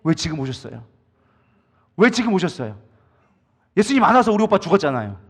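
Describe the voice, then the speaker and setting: 남자 목사가 흉내 내는 삐진 여인의 투정. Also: male voice, a little high, very animated, fairly quick, breathy edge, pitched below the performer's own voice, full character voice. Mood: sulky reproach. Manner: reproachful, whining. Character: sulking grieving woman complaining to Jesus.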